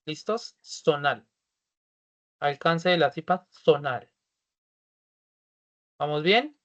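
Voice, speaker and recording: A man's voice: fairly high pitch, a bit bright, lo-fi sound. A male teacher from Colombia walking students through a form in an online class, repeating each step and checking that everyone is ready.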